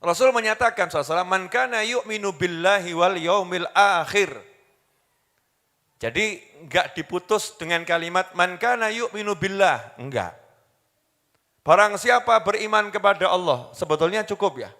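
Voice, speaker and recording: A man's voice: high voice, animated, normal speed, bright, forceful tone. A man preaching an Islamic sermon to a live audience, questioning the listeners, repeating key words and chanting Arabic quotations. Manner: mixes in Javanese phrases and Arabic quotations. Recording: long hall reverb.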